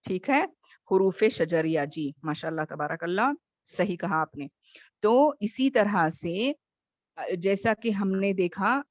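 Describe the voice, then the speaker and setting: A woman's voice: medium pitch, no room sound, lo-fi sound. A woman teaching a Tajweed class online, explaining patiently and checking in often with her students.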